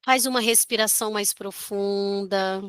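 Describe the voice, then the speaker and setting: A Brazilian woman leading a guided meditation, giving soothing, gentle instructions with long pauses. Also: mid-range voice, fairly even intonation, smooth, dry recording, clean studio sound.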